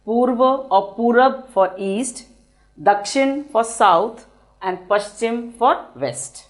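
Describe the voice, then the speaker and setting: A woman's voice: a little high, takes it slowly. A woman co-teaching a Hindi lesson, prompting words and correcting pronunciation. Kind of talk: language lesson.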